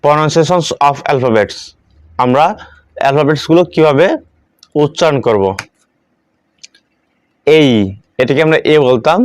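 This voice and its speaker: Guy teaching english letters, smooth clear voice, dry close sound, says each one twice slow. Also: fairly high pitch, no echo. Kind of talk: spoken English lesson.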